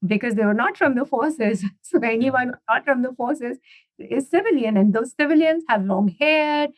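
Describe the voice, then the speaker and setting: A woman, chatting at length as an interview guest. Her voice sits a little high and is recorded dry and close. She keeps threading "you know" and "right?" through long stories. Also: normal speed, no room sound. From India. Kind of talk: casual interview conversation.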